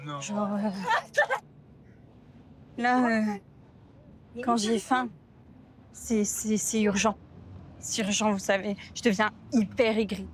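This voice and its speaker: A woman's voice: medium pitch, level tone, takes it slowly, long pauses, slight background noise. A young woman vlogging casually to camera, rambling and self-mocking with slang and fillers, upset and hungry. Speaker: travel vlogger. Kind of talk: casual vlog chat to camera. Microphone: camera mic.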